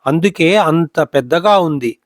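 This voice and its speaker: A man's voice: on the high side, animated, measured pace, dry recording, studio quality. A man voicing a humble, polite village woman in a storybook reading.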